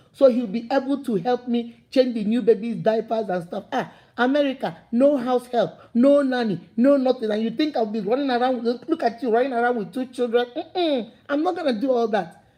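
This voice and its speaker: Her pitch fairly high and her tone dark, a Nigerian-accented woman speaks at normal speed in a passionate motivational talk. The delivery is preachy and repetitive, mounting to emphatic calls.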